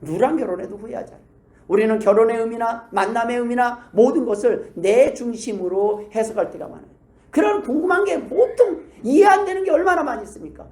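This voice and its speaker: A man's voice: very high voice, a little mellow. A male pastor giving a conversational sermon in a church, asking the congregation questions and acting out prayers in different voices. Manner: acts out prayers and replies in changing voices. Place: church sanctuary. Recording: roomy echo.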